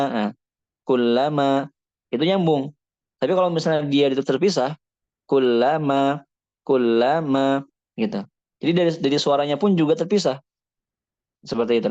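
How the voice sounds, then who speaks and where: A man's voice: mid-range voice, darkish tone, no room sound, muffled recording. A man teaching a kitab study lesson on Quran recitation, explaining step by step, asking and answering his own questions, and reciting Arabic passages.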